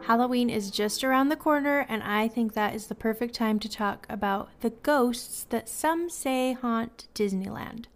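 A woman hosts a podcast with music playing underneath, her slightly high voice congested from a cold. She chats casually and apologetically at a normal speed, with few pauses.

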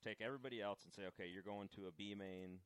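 A man's voice: fairly low pitch, quick pace, clear, resonant tone, dry recording, poor audio. A man, a race car driver guest, explaining his views in casual chat with frequent restarts. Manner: explains at length with repeated restarts.

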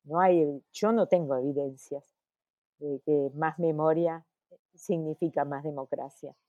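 An older woman with an Argentine accent speaks slowly and thoughtfully as a guest on an academic podcast, often pausing and restarting her sentences. Her voice sits low and mellow. The recording is dry and a little dull. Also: dry recording. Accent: Argentine Spanish. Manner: slow, thoughtful, many hesitations and restarts. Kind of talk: podcast interview.

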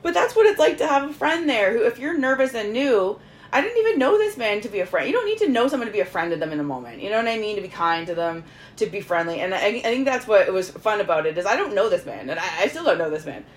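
Animated woman telling a casual story. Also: mid-range voice, fast. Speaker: podcast host. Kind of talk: casual storytelling chat among friends.

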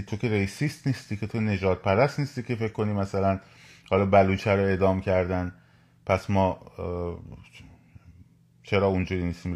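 A man hosting a live podcast talk, speaking with animated emphasis and urging his listeners directly, often repeating himself. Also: low-pitched. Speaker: podcast host.

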